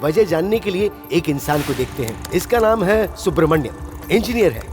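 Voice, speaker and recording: Male voice-over narrator, high and animated, wry asides to the audience, film score under him. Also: normal speed, music in the background. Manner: wry, explanatory, addresses the audience.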